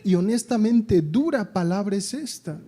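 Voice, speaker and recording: A man preaching a sermon in a house of prayer, emphatic and repetitive, slowing down to read scripture. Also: sits high, expressive, dark tone. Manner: emphatic, repeats phrases, slows down to read scripture.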